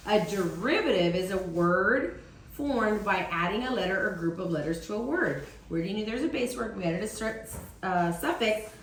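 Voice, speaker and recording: A woman's voice: mid-range voice, gravelly, background noise. A woman teacher giving a demonstration reading lesson, patiently checking in with her class as she goes. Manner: patient, checks in often with "okay?". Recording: echoey room, faint ambience.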